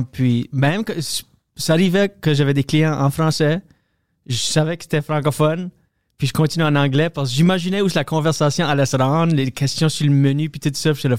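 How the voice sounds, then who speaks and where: A man from New Brunswick with an Acadian French accent, a comedian guest in relaxed casual chat on a podcast mic, dropping in English slang. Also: a little high, no echo, clean studio sound. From New Brunswick, Canada. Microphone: podcast microphone.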